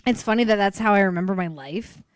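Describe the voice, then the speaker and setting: A woman's voice: mid-range voice, fast talker, clean tone. Playful woman podcast co-host. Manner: playful, swears casually, jokey tangents. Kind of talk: casual chat.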